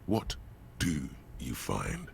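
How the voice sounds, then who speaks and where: A man's voice: very deep voice, very animated, drawn-out words, gravelly, a little mellow, slight background noise, pitched below the performer's own voice, full character voice. A man voicing the wry, ominous inner voice of a detective, narrating a video game with drama. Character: brooding inner voice of a male detective.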